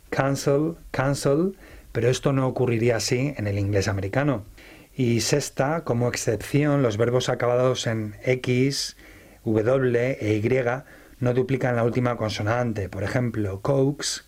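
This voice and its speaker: A man's voice: mid-range voice, darkish tone. A man teaching English grammar in a radio lesson, listing rules in order and reading out word examples one by one.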